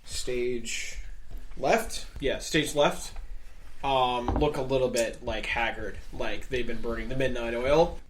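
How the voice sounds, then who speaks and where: A man's voice: medium pitch, fairly even intonation, takes it slowly, background noise. A man casually narrating a tabletop role-playing game as game master.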